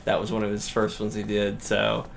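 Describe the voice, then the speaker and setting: Gravelly man rambling through gameplay chat. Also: lowish voice, moderate pace, a little hiss or hum. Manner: rambling, excitable chatter with many restarts. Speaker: let's play co-host.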